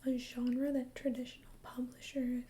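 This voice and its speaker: A woman in a whispered role-play as a friendly, chatty librarian, speaking in a soft, breathy library whisper with a gentle, hesitant conversational manner. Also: high-pitched, little pitch movement, normal speed. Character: friendly, chatty female librarian recommending books. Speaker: ASMR role-player as librarian.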